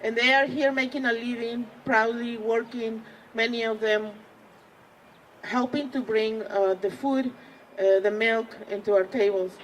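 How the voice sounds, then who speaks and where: A woman in her forties with a Mexican accent, giving an earnest rally speech as a community organizer, pausing often with fillers. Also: on the high side, steady tone, a little hiss or hum, low-quality recording. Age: 40s. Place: outdoors at a public rally.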